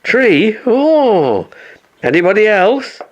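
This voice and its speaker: An older man, asking a toddler loud, teasing questions at home. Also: high voice, very animated, slow pace, highs cut off. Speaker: grandfather. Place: family home, indoors. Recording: distant home-video audio.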